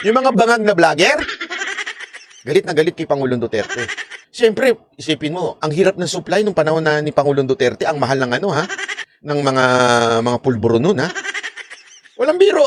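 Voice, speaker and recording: A man's voice: fairly high pitch, expressive, fairly quick, noisy background. A man from the Philippines doing casual live-stream political commentary, joking and mocking, laughing often and acting out the lines he quotes.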